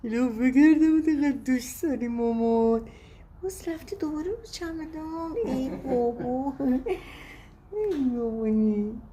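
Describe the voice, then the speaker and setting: A woman speaking in a casual vlog, cooing baby talk to her scared pet at home, then speaking quietly and seriously to her viewers. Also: fairly high pitch, a little hiss or hum. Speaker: pet owner vlogger. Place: room at home.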